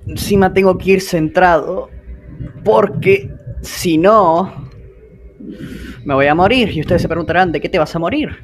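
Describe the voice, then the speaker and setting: A man, commentating his own gameplay, excitable and nervous, swearing often. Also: on the high side, a little hiss or hum. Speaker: gameplay streamer. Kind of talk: casual game commentary.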